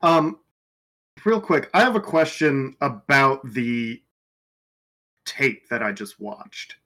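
A man's voice: mid-range voice, very animated, takes it slowly, fairly bright tone. A man playing a tabletop game who asks hesitant questions. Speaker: player. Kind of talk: casual tabletop game play.

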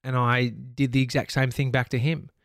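A man's voice: medium pitch, little pitch movement, normal speed, fairly bright tone, no room sound, studio quality. Candid Australian man telling a story. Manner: candid, rambling, swears freely, self-reflective. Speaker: podcast host. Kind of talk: casual storytelling monologue.

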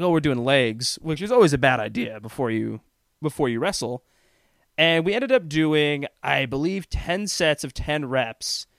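A man hosting a podcast, telling a story in a relaxed, rambling, self-deprecating way. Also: on the high side, clear, resonant tone, no echo, clean studio sound. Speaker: podcast host. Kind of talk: casual storytelling chat.

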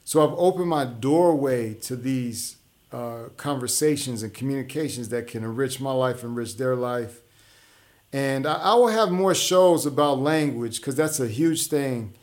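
In a mid-range voice that runs a little slow, this man hosts his own program and thinks aloud in a casual monologue. His style is chatty and explanatory, peppered with fillers and frequent restarts.

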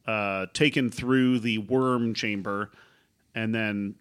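Improvising as a tabletop RPG game master, a man describes scenes haltingly, frequently hunting for the right words. He has a lowish, smooth and slightly bright voice with fairly even intonation.

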